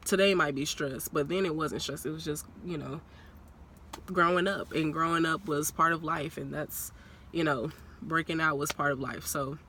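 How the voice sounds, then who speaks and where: A woman's voice: deep voice, steady tone, normal speed, a bit bright, a little hiss or hum. A young woman vlogging from her parked car, chatting in a rambling, laughing way, her voice a little stuffy from a cold and recorded on a propped-up phone. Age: young adult. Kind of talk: casual talking-head vlog. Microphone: phone propped on a purse.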